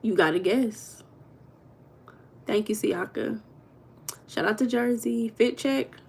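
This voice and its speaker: This American-accented livestream host from Los Angeles has a slightly high but darkish, husky voice with vocal fry, and she takes her time. She reads out viewer comments, bantering with them in a teasing, slangy way.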